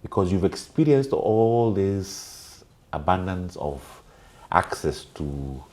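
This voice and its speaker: A man's voice: low voice, sing-song, slow pace, a little mellow. A man, a guest in a casual panel chat, telling reflective stories with fillers.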